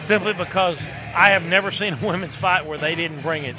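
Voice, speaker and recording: A man's voice: high-pitched, brisk, over music, poor audio. A man giving conversational analysis as color commentator at a live fight.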